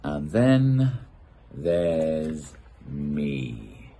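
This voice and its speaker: A middle-aged man from the United Kingdom reads a children's picture book aloud in a playful, expressive storytelling way, his bass voice creaky and his words drawn out. He's filmed outdoors in a garden gazebo by a camera at desk distance.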